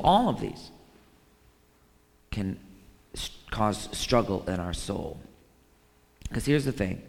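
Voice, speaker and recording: A man's voice: on the low side, gravelly, long reverb tail. A male pastor giving a conversational sermon, with frequent fillers and restarts.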